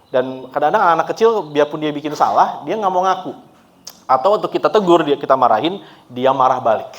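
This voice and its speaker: A man preaching a sermon at a church service in a relaxed, chatty way, often laughing and mixing in English words. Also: on the high side, fairly quick, dull audio. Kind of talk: conversational sermon.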